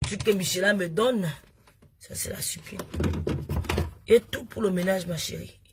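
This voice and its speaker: Woman on a home live stream, chatty, animated, scolds commenters, shows things to the camera, phone mic. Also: medium pitch, moderate pace, noisy background. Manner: talks while showing items to the camera. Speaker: social media influencer. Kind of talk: casual live stream chat with followers.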